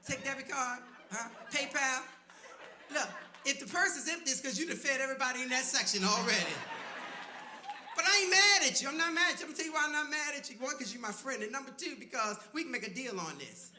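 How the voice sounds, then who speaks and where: Bright, teasing preacher-comedian in a roomy hall. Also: male voice, extremely high pitch, lively intonation, quick pace, slight background noise. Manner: loud, teasing crowd work with call-and-response. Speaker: pastor and comedian. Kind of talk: stand-up comedy set. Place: church sanctuary before a live audience.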